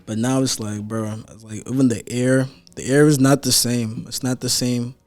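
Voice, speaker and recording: A teenage guy from Nigeria chats loosely as a podcast guest. He rambles through stories with filler words and slang, his pitch sitting in the middle of a man's range. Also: little pitch movement, normal speed, darkish tone. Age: teens. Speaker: guest rapper. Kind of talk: casual podcast chat.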